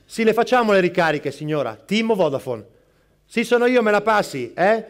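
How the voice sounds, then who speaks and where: A man on stage playing a frazzled middle-aged barista who rattles off rapid replies to customers and phone calls, swearing under his breath. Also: high voice, animated. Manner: rapid-fire, juggling customers and calls, snapping asides. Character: frazzled middle-aged male barista, harried and foul-mouthed. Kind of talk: live stand-up character sketch. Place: live stage performance.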